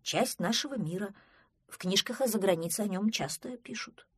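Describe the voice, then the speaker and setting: A calm, knowing male creature from a children's tale, steady and a little lower, as a woman acts him out. The voice sounds husky and close. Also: normal speed, dry recording, lightly acted.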